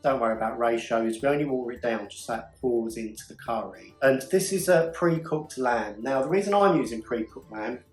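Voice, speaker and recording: A man's voice: medium pitch, a little fast, hardly any pauses. A man hosting his own cooking show, chatty and enthusiastic as he talks through a curry recipe. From United Kingdom. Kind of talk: casual cooking demonstration. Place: home kitchen. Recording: echoey kitchen with faint music.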